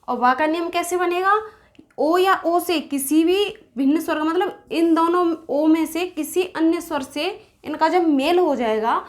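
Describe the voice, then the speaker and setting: A woman with a high, light voice teaches a grammar lesson in a patient, steady way. She comes back to each point and says it again in other words. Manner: patient, repeats and rephrases points.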